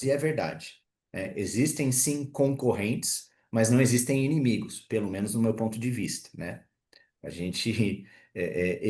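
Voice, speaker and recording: A man's voice: lowish voice, darkish tone. A man hosting an online lecture over a video call, speaking in an encouraging way with many fillers. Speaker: host of technical webinar. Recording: echoey room.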